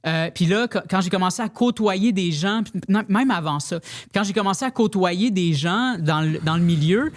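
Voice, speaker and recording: A woman with a Québécois accent speaks at normal speed and medium pitch as a podcast guest in casual conversation. She is frank and blunt, restarting sentences often and using lots of filler phrases.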